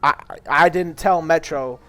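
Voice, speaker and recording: High-voiced young man telling a rambling story. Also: measured pace. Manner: rambling, profane, acts out quotes loudly. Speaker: podcast co-host. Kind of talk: casual storytelling chat.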